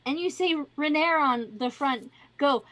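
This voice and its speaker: A woman narrating casually as dungeon master, relaxed and halting, with many fillers. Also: sits high, poor audio.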